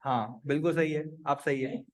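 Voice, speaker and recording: A man teaching an accounting class with a high voice. He is animated, acts out client conversations and keeps quizzing the room. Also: normal speed. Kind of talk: classroom lecture.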